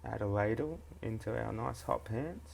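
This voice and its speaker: A man's voice: fairly low pitch, lively intonation, moderate pace, gravelly, a little mellow, a little hiss or hum. A laid-back man chatting casually while he demonstrates a recipe as a guest cook. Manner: easygoing, laid-back, joking. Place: kitchen.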